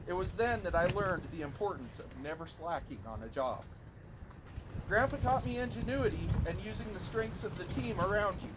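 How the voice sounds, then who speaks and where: High-pitched man reading a eulogy, noisy recording. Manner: reads from notes with occasional stumbles on words. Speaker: grandson giving a eulogy. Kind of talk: prepared eulogy read aloud.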